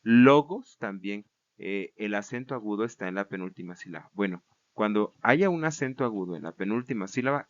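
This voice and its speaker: A man's voice: medium pitch, dull audio. A man giving a recorded grammar lecture, explaining patiently, repeating words and checking in with the class as he goes. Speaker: Greek grammar teacher.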